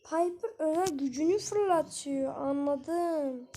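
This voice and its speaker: High pitched woman doing live game commentary, chatty and excitable, swears when annoyed. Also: slow. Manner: frustrated outbursts with swearing. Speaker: gaming channel host.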